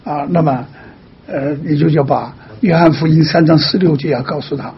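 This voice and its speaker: A man answering a caller as a pastor, explaining patiently step by step and often softly asking whether that is all right. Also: a little high, moderate pace, dull audio, a little hiss or hum. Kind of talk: pastoral counseling.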